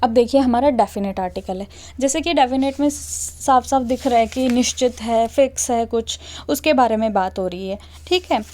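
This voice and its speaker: A woman's voice: on the high side, moderate pace, hardly any pauses, darkish tone. A young woman with an Indian accent patiently explains English grammar to beginners, often checking in with "okay" to see if students follow. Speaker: English teacher. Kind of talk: classroom explanation.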